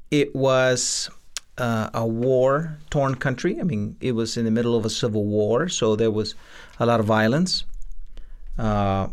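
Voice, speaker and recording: A middle-aged man from El Salvador, a lawyer and law professor, giving earnest, halting interview answers with many fillers. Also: medium pitch, clean tone. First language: Spanish.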